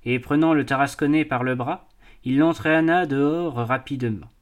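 Expressive man reading a classic novel. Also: medium pitch, phone-quality sound. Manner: measured, expressive literary reading. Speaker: audiobook reader. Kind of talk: scripted narration.

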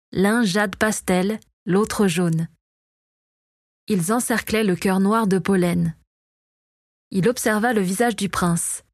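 A woman reading a fantasy novel aloud as narrator, in a steady storytelling voice, close to the mic. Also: medium pitch, dry recording. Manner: steady, even storytelling read. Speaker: audiobook narrator. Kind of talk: scripted narration.

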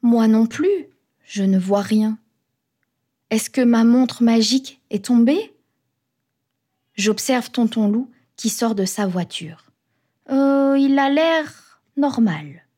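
Slow husky woman reading a kids' story. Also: on the high side. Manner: expressive, playful, childlike first-person telling. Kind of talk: children's storybook narration.

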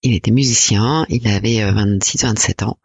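A woman in her forties from France, a podcast guest talking reflectively and hesitantly about her life, with many pauses and fillers. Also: a bass voice, gravelly, darkish tone, husky, no echo. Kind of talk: personal interview conversation.

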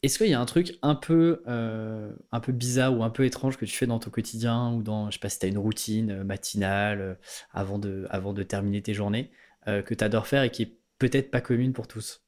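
A man's voice: fairly low pitch, fairly even intonation, fairly quick, darkish tone. Rambling casual male podcast host. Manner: casual, rambling, many fillers and restarts. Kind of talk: podcast interview.

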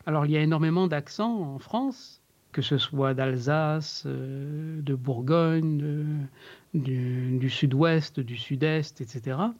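A man working as an accent coach, explaining in an interview in a measured way with frequent hesitations. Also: a little high, a little mellow, dull audio.

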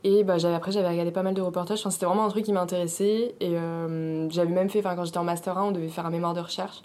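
A woman's voice: lowish voice, fairly even intonation, very fast, darkish tone. A young woman who is a podcast guest, chatting casually and rambling through her story with many restarts.

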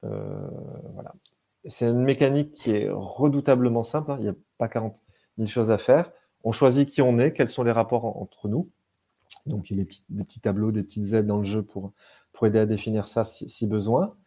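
Game designer guy chatting, mellow voice, excited, keeps tripping over his words. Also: fairly low pitch, fairly quick. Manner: enthusiastic, restarts and repeats words. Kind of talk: casual chat.

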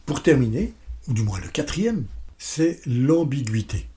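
A man's voice: mid-range voice, unhurried. A man presenting a business lesson step by step, with playful, self-mocking asides. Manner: steady step-by-step explaining.

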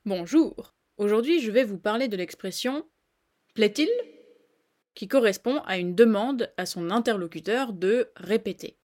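A woman's voice: medium pitch, lively intonation, a little slow, a little mellow. A woman hosting a scripted podcast, explaining a phrase in a playful, chatty way and talking straight to the listeners. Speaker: podcast host.

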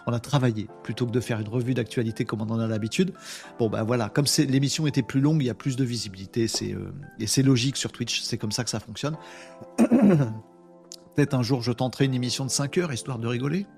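Casual male streamer host, mid-pitched, loose and rambling, reads chat aloud over faint music. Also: fast, gravelly, darkish tone.

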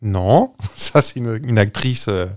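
A man's voice: lowish voice, animated, takes it slowly. A man hosting a casual podcast chat, hesitant with fillers, teasing out clues. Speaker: podcast host running a quiz. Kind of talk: casual chat, guessing game.

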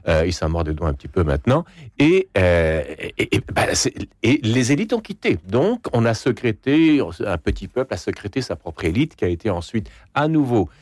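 A man with a Québécois French accent and a low voice, talking as a radio guest. He explains slowly and thoughtfully, pausing on fillers as he searches for words, recorded close and dry. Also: sing-song, a little mellow, no echo. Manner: thoughtful, explanatory, many hesitations. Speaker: guest journalist and essayist. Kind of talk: radio interview.

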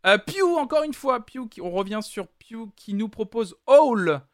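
A man's voice: high voice, lively intonation, moderate pace, a bit bright. A man hosting a live music stream, chatting casually with lots of hesitant fillers. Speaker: streaming music show host.

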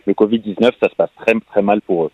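Earnest American man, low voice, halting radio guest over a lo-fi dry line. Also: no room sound. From United States. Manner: earnest, halting with frequent restarts. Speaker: weekly radio columnist, farm founder. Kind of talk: radio interview by phone.

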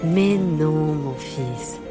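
A woman voicing a gentle mother hermit crab in a children's story, soft and enveloping. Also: low-pitched, drawn-out words, over music. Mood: tender.

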